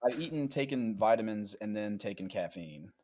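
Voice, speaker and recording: A man co-hosting a comedy podcast, telling a rambling, animated anecdote in casual chat with some swearing. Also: on the low side, moderate pace. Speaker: podcast co-host.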